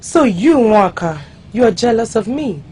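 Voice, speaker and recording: A woman's voice: a little high, expressive, a little slow, a little mellow, breathy edge. A haughty young village woman. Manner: cold, haughty and threatening.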